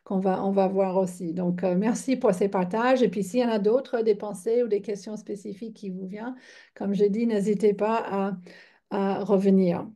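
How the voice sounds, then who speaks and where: Mellow-voiced woman in her fifties from Michigan. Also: mid-range voice, steady tone. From Michigan, United States. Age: 50s. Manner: chatty, halting, many fillers and restarts. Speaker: yoga teacher. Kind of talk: online lecture.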